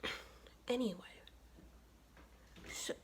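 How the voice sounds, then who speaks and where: A young woman from the United States whispering in a close, raspy ASMR voice, her throat worn from illness, telling a blunt, profane, chatty story. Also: drawn-out words. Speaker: ASMR vlogger.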